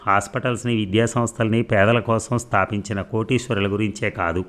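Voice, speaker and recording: A man's voice: on the low side, fairly bright tone. A man reading a serialized novel aloud as narrator, telling the story steadily with small restarts.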